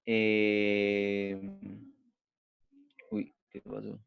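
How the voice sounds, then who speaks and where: Slow, patient male teacher, lo-fi. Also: fairly low pitch, monotone, vocal fry, clear, resonant tone, no room sound, soft background music. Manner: patient, explanatory, keeps checking understanding. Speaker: English teacher. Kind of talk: remote class explanation. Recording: dull lo-fi recording.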